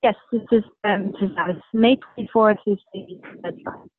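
A woman's voice: mid-range voice, steady tone, moderate pace, slightly rough, dry recording. A woman on a conference call, giving brief, plain answers through muffled, degraded call audio. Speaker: meeting participant on a conference call. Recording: muffled tinny call line, distant from the mic.

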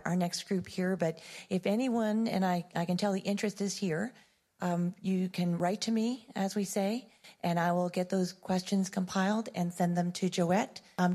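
A woman moderating a conference session, brisk and gracious as she passes the microphone on. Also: fairly low pitch, dark tone.

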